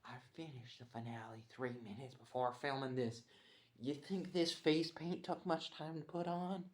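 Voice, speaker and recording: A man's voice: mid-range voice, steady tone, moderate pace. A man casually reviewing a cartoon show in a put-on Australian accent, rambling and restarting his sentences. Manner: rambling with restarts, mock-complaining. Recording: echoey room.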